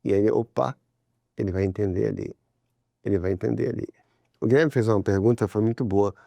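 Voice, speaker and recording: A Brazilian Portuguese-speaking man hosting a religious family talk program, chatting conversationally and getting animated when he tells examples. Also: on the low side, fairly quick, creaky, dry recording.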